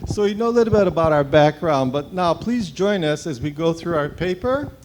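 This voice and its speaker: A man in his seventies from Hawaii, presenting at a conference and reading his paper aloud in a brisk, formal way. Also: a little high, lively intonation, a little mellow, a little hiss or hum. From Hawaii, United States. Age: 70s. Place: seminary conference hall.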